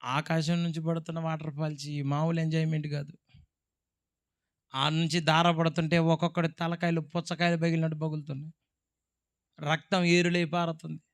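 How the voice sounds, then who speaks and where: A male pastor preaching a dramatic sermon, swinging between hushed and loud. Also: a little high, level tone, brisk, pauses often, clean tone.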